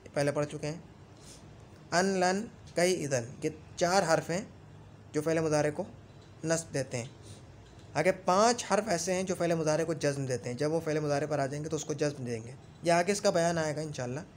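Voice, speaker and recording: Patient male grammar teacher, higher voice. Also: slight background noise. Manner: recites rule lists slowly and repeats them; explains patiently with frequent check-ins. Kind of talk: classroom grammar lesson.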